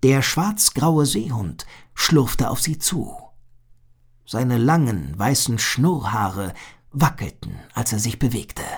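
Slow, husky storybook narrator. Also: male voice, medium pitch. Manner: slow, expressive reading. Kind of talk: storybook reading.

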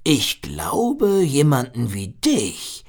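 A big, friendly male seal with a thundering voice, as a male storyteller puts him on. He speaks slowly, stretching his words, and his husky tone rises and falls widely. It sounds like a storybook read aloud. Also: mid-range voice, huge pitch swings, heavily acted. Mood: friendly, curious. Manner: slow, drawn-out speech. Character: huge booming spotted male seal, friendly. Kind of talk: storybook reading.

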